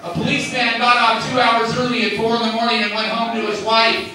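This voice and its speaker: A man's voice: very high voice, monotone, brisk. A man doing live stand-up comedy, chatting straight to the audience and acting out the dialogue in his jokes. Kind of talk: live stand-up joke telling. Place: large echoey community hall with a live audience. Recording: echoey hall, distant mic, crowd noise.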